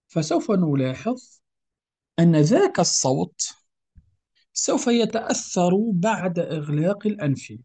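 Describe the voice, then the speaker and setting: A man's voice: fairly high pitch, warm tone, slightly rough, no echo. A man teaching a lesson on Quran recitation rules, explaining patiently, repeating himself and correcting his own slips. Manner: patient and repetitive, often correcting himself mid-word; asks the listeners questions, then answers them himself.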